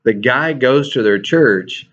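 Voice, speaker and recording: Man preaching, casual storytelling chat, animated, mid pitch, slightly muffled lo-fi sound. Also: takes it slowly. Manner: storytelling, animated, with self-deprecating asides. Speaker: preacher and show host. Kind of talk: casual sermon-style chat.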